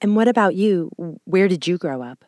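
A woman hosting a news podcast, narrating a script and interviewing a guest in a measured, even way. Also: on the low side, dry recording, studio quality. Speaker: podcast host.

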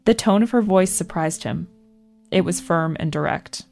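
A woman narrating a true story in a measured, scripted delivery. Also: lowish voice, creaky, darkish tone, faint music behind.

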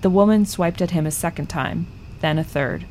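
A woman narrating a true story in a measured, scripted delivery. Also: on the low side, a little mellow, slight background noise.

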